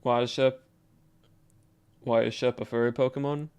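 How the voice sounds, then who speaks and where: Putting on an American Southern accent, a man livestreams and muses aloud to his viewers in a loose drawl. His mid-range voice is steady, smooth, and a little mellow, at a moderate pace. There's no echo in the recording.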